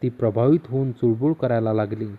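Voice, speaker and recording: A man's voice: medium pitch, a little fast. Man narrating a story, lo-fi. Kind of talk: first-person story narration. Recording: slightly dull lo-fi audio.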